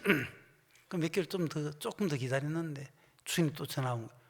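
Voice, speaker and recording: In a church sanctuary with long hall reverb, a pastor with a slightly high, brisk voice delivers a sermon built around an anecdote. He acts out both sides of the conversations, swinging from loud bursts to hushed asides.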